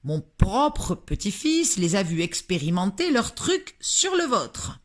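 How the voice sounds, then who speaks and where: Older grandmother, patient and firm, slow measured lines, put on by a woman narrator. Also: mid-range voice, very animated, pitched above the performer's own voice. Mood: insistent. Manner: patient, deliberate. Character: old grandmother, calm and firm.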